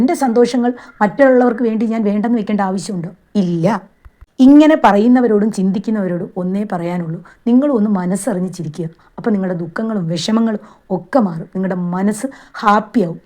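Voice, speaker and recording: Fast-talking middle-aged woman vlogger. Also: mid-range voice, mellow. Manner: earnest, plain-spoken storytelling. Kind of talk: casual monologue to camera.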